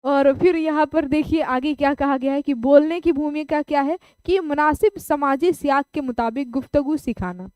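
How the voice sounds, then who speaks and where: A woman's voice: high-pitched, moderate pace, few pauses, darkish tone, no echo. A woman teacher giving an online class lecture, explaining with everyday examples and checking in with her students.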